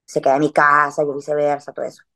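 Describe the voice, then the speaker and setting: A woman's voice: sits low, monotone, quick pace, sharp tone. A woman, chatting casually as a podcast guest and telling a story in a slangy way, with frequent filler words.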